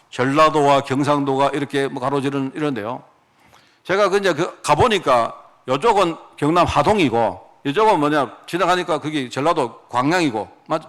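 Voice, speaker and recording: A middle-aged man from Daegu with a Gyeongsang accent, preaching a sermon with emphatic rhetorical questions. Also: on the high side. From Daegu, South Korea. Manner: animated, emphatic, asks the congregation rhetorical questions. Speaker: pastor.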